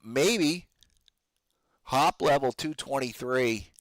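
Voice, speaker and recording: In a clean, dry studio recording, a man with a medium-pitched voice talks slowly while hosting a trading podcast. His casual live stock market commentary is packed with informal trader slang, he addresses listeners as "guys," and his voice sounds strained and giving out.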